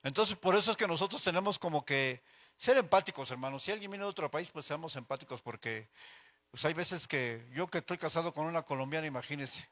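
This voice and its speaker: Middle-aged Mexican male Bible teacher, high bright voice, chatty, full of anecdotes. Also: lively intonation, brisk. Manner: chatty and anecdotal, addresses listeners as brothers, acts out everyday voices. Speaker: church Bible class teacher. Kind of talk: informal Bible class teaching.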